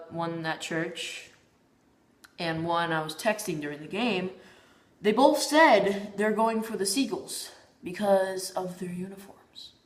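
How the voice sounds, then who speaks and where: A woman's voice: mid-range voice, echoey room. A woman vlogging in a casual, rambling monologue, often stumbling and repeating her words.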